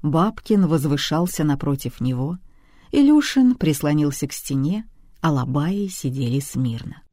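A narrator reading a detective audiobook with expressive, even delivery on a close mic. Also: mid-range voice, a little slow, dry recording.

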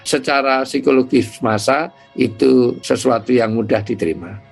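A man, an Islamic cleric, explaining ideas in an interview with lively storytelling. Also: mid-range voice, moderate pace, vocal fry, faint music behind. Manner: lively storytelling with imitated sounds.

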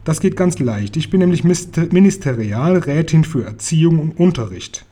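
A man voicing a brisk, self-assured young girl who explains things firmly in a storybook reading. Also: on the high side, animated, dark tone.

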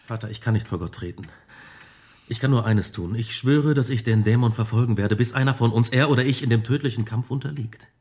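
Man acting husky, tormented Victor Frankenstein. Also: mid-range voice, darkish tone, close to an everyday voice. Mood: solemn vow. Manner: intense, halting, confessional. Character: tormented, guilt-ridden, obsessive son and scientist. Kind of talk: German radio drama acting.

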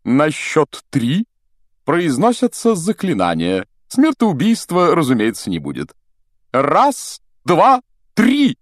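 A man's voice: fairly high pitch, huge pitch swings, unhurried, dry recording, studio quality, voice pushed up, full character voice. A man voicing a vain, theatrical male wizard teacher who talks in a grandiose, self-admiring way. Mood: pompous, showy. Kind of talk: audiobook character voice.

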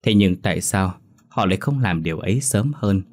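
A man's voice: sits low, lively intonation, brisk. A man narrating a first-person story in a bitter, scornful tone.

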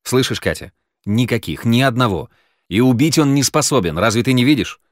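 A man reading an audiobook, voicing a calm, sardonic man who questions others dryly. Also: medium pitch, fairly quick, dry recording, lightly acted. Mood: cool. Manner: dry, calm, mocking. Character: cool, sardonic man, interrogating calmly.

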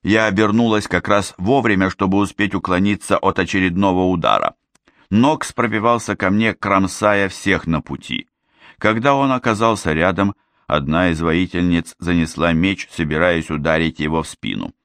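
A man narrating a fantasy novel in a steady, measured storytelling manner. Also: low-pitched, dry recording, clean studio sound. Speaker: audiobook reader. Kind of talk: scripted narration.

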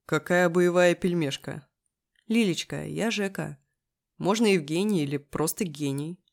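A man's voice: fairly high pitch, a little slow, creaky. An audiobook reader voicing a cheeky, flirtatious male police detective who drawls and teases. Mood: drawling. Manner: drawling, teasing, purring. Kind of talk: audiobook character reading.

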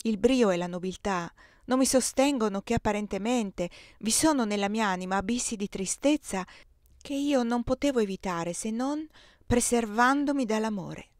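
A woman's voice: a little high, normal speed, dry recording, studio quality, close to an everyday voice. A woman voicing a proud, passionate young woman in a read-aloud novel, speaking with pleading emotion. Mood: impassioned.

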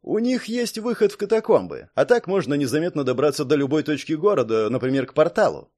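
A quick-witted young fighter who is sure of his hunches, as a male reader voices him. He speaks with easy confidence in this audiobook. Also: on the high side, very animated, dark tone. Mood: confident.

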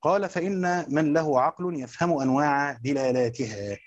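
A man's voice: fairly high pitch, normal speed, highs cut off, slight background noise. A man with an Egyptian accent teaching a class on Quranic exegesis, repeating his points and quizzing his students. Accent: Egyptian Arabic. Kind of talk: classroom lecture.

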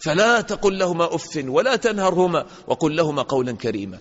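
A sheikh teaches children an interactive religious lesson in a slightly high, expressive, a bit bright voice at a quick pace. He asks questions, praises their answers, and acts out short dialogues, captured in dull lo-fi audio within a reverberant hall.

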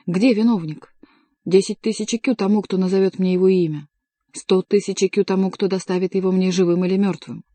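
Hysterical raging king, read by a woman, shrill and pitched up, dark dry voice. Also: fairly even intonation, fairly quick, no echo, close to an everyday voice. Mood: furious. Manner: shrill, overwrought outbursts. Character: hysterical, raging male king, middle-aged.

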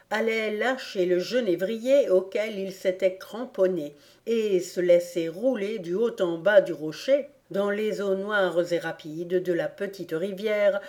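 A woman reading a novel aloud as an audiobook narrator, in a measured storytelling manner. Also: medium pitch, mellow. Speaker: audiobook reader. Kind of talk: scripted narration.

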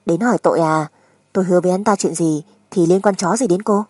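A woman's voice: lowish voice, fast, darkish tone, husky, no room sound, clean studio sound. A woman narrator voicing a crude, spiteful gambler husband who speaks with mockery and menace in a dramatic audiobook. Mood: sneering.

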